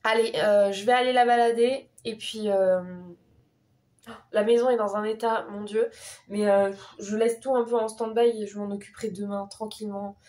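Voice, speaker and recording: A woman's voice: mid-range voice, flat delivery, moderate pace, darkish tone. Congested, nasal young woman vlogging casually. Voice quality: congested, nasal voice from a cold with sore swollen tonsils. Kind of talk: casual chatty vlog.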